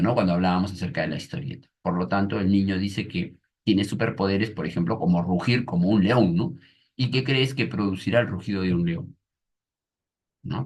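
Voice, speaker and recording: A man's voice: sits low, a little mellow, husky. A man teaching an online lesson, reading a comic aloud and explaining it step by step with frequent tag questions.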